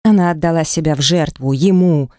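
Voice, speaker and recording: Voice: medium pitch, brisk, a little mellow, dry recording, studio quality, lightly acted. Brooding werewolf man, as an audiobook reader puts him on. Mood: angry. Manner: gruff, terse outbursts. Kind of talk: audiobook character dialogue.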